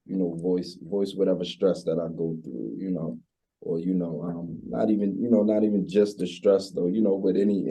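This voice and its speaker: A Baltimore man in his twenties, a recording artist, chats casually as an interview guest in a slangy, laid-back way. His low voice is warm and husky, though the recording quality is low.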